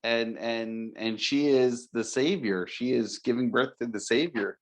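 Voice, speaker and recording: A man's voice: mid-range voice, measured pace. A man co-hosting a podcast, chatting casually and searching for words. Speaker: podcast co-host. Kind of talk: casual chat.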